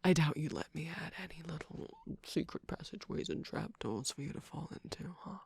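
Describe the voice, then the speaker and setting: A performer voicing a sly, manipulative male cookie trickster in an ASMR roleplay, teasing and sarcastic, mostly in a soft whisper. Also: mid-range voice, animated, fairly quick, vocal fry, husky, dry recording, full character voice.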